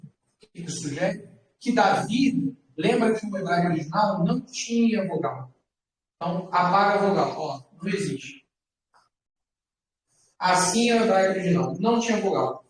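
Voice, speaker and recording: A man teaching Hebrew letters to a class. He talks patiently and repeats words slowly for his students. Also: sits high, expressive. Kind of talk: classroom lesson. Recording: echoey classroom from far off.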